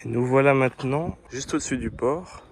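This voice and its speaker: A man's voice: medium pitch, normal speed, gravelly. A young man vlogging as he walks outdoors, his voice sitting in a middle register. He talks to the camera in a chatty, upbeat way, telling his travel story with plenty of fillers. Faint street and traffic noise runs behind him. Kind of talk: casual travel vlog narration to camera. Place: outdoors on a seaside town street.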